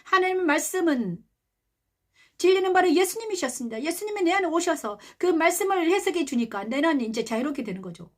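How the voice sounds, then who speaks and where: A middle-aged woman pastor giving a sermon, emphatic, asking rhetorical questions and softly voicing tender words of comfort. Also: very high voice, sing-song, fairly quick. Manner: softly quotes a gentle, loving voice of God.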